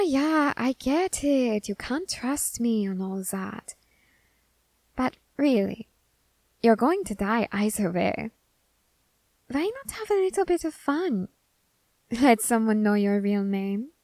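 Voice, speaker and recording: The speaker is a woman performing a fully realized character voice: a curious, androgynous reaper in an ASMR roleplay who slowly and teasingly interrogates a demon prisoner in a soft whisper. Her pitch leans high, and the recording is dry.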